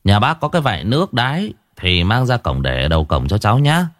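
A man voicing a young male exorcist who speaks calmly and coldly commands. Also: on the low side, fairly quick, no echo, clean studio sound. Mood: calm advising. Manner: calm, cold and commanding.

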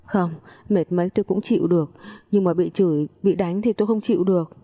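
A woman's voice: on the low side, fairly even intonation, a little fast, mellow, natural voice. A woman voicing a scheming mother-in-law in her late fifties who wails and pities herself tearfully. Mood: wailing. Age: 50s. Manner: tearful, self-pitying wailing.

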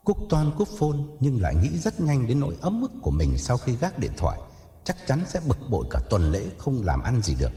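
A man narrating an audio story in a dramatic, expressive way. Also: mid-range voice, a little fast. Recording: echoey reverb with faint music.

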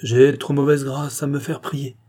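A man's voice: medium pitch, level tone, unhurried, dark tone, pitched above the performer's own voice, natural voice. A man reading as a cunning young detective. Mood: breezy. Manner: insistent, probing, confident.

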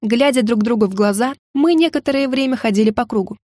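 A woman's voice: on the high side, quick pace, no echo. Woman narrating a first-person novel, dry recording. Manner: steady, expressive reading. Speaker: audiobook narrator.

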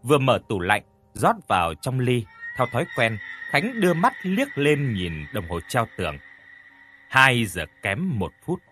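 A man's voice: mid-range voice, sing-song, unhurried, bright, forceful tone. Man narrating a dramatic horror story. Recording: faint background music.

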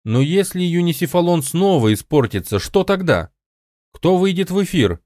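A man reading an audiobook voices an insistent woman colleague, raising his voice high and speaking urgently. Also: big pitch swings, normal speed, darkish tone, no room sound, studio quality. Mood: pleading. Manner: urgent, pleading. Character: earnest young woman colleague, pleading and insistent.

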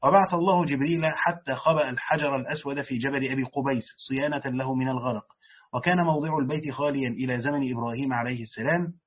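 A man reading a Quran commentary aloud and pausing to explain it in plain colloquial speech, like a sheikh teaching a lesson. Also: mid-range voice, fairly even intonation, slightly rough. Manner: reads the text aloud, then breaks off to explain it in colloquial speech. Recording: tinny phone-like lo-fi recording.

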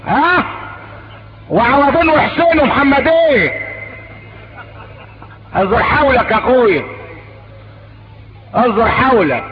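A man with an Egyptian Arabic accent preaching a sermon, animated and mocking, acting out little dialogues. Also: very high voice, unhurried, long pauses. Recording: dull lo-fi tape with background noise.

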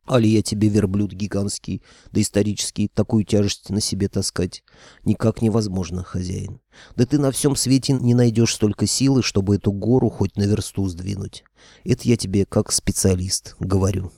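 A man's voice: fairly low pitch, fairly even intonation, normal speed, creaky, mellow, dry recording, studio quality. A man voicing an invisible, haggling magic servant speaking from a box, wheedling and self-important. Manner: wheedling, bargaining.

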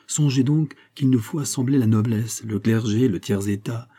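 A man's voice: medium pitch, moderate pace, warm tone, husky, close to an everyday voice. A man voicing an agitated middle-aged French minister in an audiobook, pleading and then crying out in outrage. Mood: urgent. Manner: pleading, rising to outraged exclamations. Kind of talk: audiobook character reading.

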